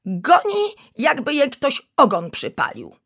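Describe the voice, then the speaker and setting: A woman's voice: sits high, huge pitch swings, takes it slowly, fairly bright tone, pitched above the performer's own voice, full character voice. Woman voicing an old baboon doctor, humming. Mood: exasperated. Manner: thoughtful, murmuring hums. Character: old wise male baboon doctor, fussy.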